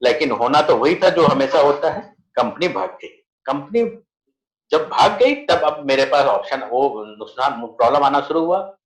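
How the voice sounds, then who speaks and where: A middle-aged man with an Indian accent, telling his personal story in a conversational, earnest way as a network marketing leader on a video call. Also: mid-range voice. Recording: echoey room on a video call.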